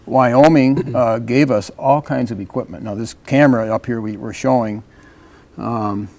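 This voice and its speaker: An American man in a casual panel talk, explaining things in a halting way as an advocate on a community show. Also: mid-range voice, creaky, a little mellow.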